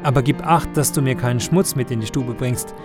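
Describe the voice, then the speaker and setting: A man voicing a cheerful, eager village shoemaker in a children's story, in a raised, excited voice. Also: mid-range voice, brisk, over music, lightly acted.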